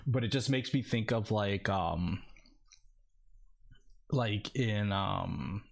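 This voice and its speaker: A man's voice: lowish voice, slow, vocal fry. A man giving casual, rambling commentary while playing a video game, full of fillers. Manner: rambling, filler-heavy chatter. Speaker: let's-play streamer.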